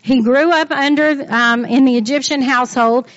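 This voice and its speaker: A woman teaching a Bible lesson, talking straight to her listeners in an animated way. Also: high voice, normal speed, dry recording, muffled recording. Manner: animated, talks straight to listeners with "y'all" and "amen".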